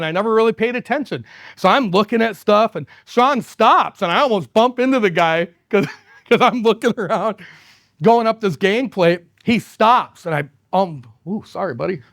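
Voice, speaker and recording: High-voiced animated man on stage. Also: normal speed, no echo, clean studio sound. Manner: animated, laughs often, acts out quoted people. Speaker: company executive giving a keynote. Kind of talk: conference keynote storytelling. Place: conference stage.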